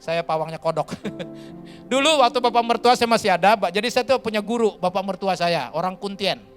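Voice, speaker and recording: A male pastor from Kalimantan preaching a sermon in a lively, colloquial storytelling manner, often turning to the congregation as he talks. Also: high voice, fairly quick, soft background music. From Kalimantan, Indonesia. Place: church.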